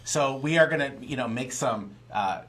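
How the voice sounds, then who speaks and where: A man co-hosting a live business podcast from a studio set. He speaks in an earnest, motivational way at a medium pitch. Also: moderate pace, fairly bright tone, slight background noise. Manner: earnest, motivational, chiming in briefly. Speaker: podcast co-host.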